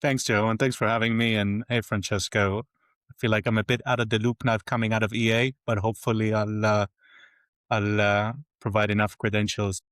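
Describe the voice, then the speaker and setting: A man from Israel in his forties speaks in a lowish voice, candid and lightly joking at his own expense. His podcast interview sound is dry and close, with no room echo at all. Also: flat delivery, brisk, a bit bright, smooth. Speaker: guest, games company CFO.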